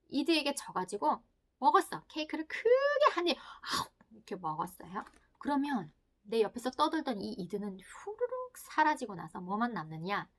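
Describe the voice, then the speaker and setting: A woman giving an explanatory talk on parenting psychology from a book, acting out inner voices and dropping into hushed whispered asides. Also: mid-range voice.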